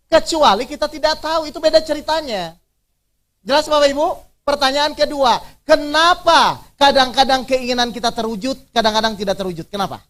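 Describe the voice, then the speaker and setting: A man's voice: very high voice, fairly quick, a bit bright. A man leading an interactive religious workshop, quizzing his audience with rhetorical questions and repeating key phrases. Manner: repeats key phrases to drive points home. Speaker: Islamic preacher.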